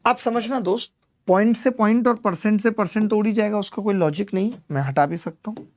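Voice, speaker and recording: A man's voice: high voice, brisk, darkish tone. A man teaching a live online maths class, chatty and teasing, who explains step by step and repeats key numbers. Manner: chatty, teasing asides to students by name.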